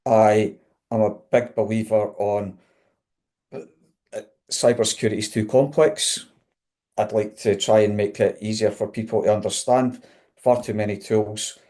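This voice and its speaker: A man's voice: on the low side, warm tone. A middle-aged man with a broad Scottish accent, informally introducing his career as a webinar guest. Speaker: guest, chief technology officer.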